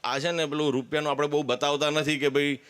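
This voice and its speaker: A man's voice: on the high side, flat delivery, fast talker, a bit bright, clear, resonant tone. Earnest man telling his story. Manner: earnest, candid storytelling with emphatic declarations. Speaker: speaker giving a testimony at a religious gathering. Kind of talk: personal testimony talk.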